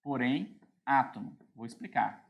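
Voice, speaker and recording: A man's voice: mid-range voice, a little slow, gravelly, dull audio. A man with a Brazilian Portuguese accent teaching an exam-prep grammar lesson, explaining step by step and often checking that students are following.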